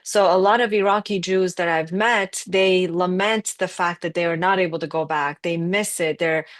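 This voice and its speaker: A woman speaking as a panelist, asking questions in a measured, thoughtful way. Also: on the low side, steady tone, no echo. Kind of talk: panel discussion.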